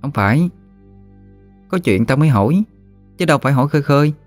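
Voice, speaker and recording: A man's voice: animated, brisk, no room sound, soft background music, lightly acted. Man doing a bold little village girl. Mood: teasing. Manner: high, chatty, teasing. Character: bold ten-year-old village girl cowherd.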